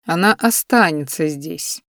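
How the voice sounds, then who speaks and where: An icy, domineering man, read by a woman, lays down orders slowly and coldly in a storybook reading. His clipped words carry a low, steady menace, and the voice sounds close and dry. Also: clean tone, no room sound, close to an everyday voice. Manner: slow, clipped, icy commands. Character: cold, domineering man who owns the flat.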